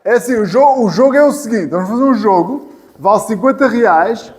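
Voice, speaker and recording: A man teaching an English class, playful and teasing, repeating words slowly and clearly for his students. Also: high-pitched, expressive, darkish tone, long reverb tail. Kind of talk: classroom lesson. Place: church hall classroom.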